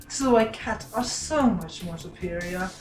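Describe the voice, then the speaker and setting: A woman's voice: on the low side, lively intonation, moderate pace, distant mic, natural voice. A young woman voicing a haughty, scornful male cat scientist who talks down to humans, in a student project skit. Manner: condescending, mocking humans. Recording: echoey room, from afar, faint music.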